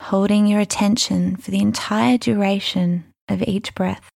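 A woman guides a mindfulness meditation at a very slow pace. Her voice is soft and soothing, with a gravelly fry and breathy phrase endings. The sound is dry and close, and each gentle instruction is given room. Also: medium pitch, fairly even intonation, no room sound. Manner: soothing, unhurried, gentle instruction with long pauses.

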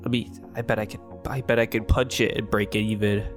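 A man's voice: lowish voice, level tone, fast, over music, natural voice. A man playing a bumbling young hero who stammers and hesitates as he bluffs confidence, in a comedy sketch. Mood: unsure bravado. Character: bumbling young male chosen-one hero.

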